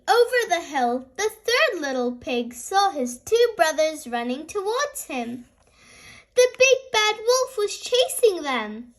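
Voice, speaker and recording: A woman narrates a children's storybook as if opening a fairy tale. Her voice is very high, and she speaks slowly with big, lively swings in pitch. Her delivery is animated and sing-song, aimed at small listeners. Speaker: host reading stories aloud for small children.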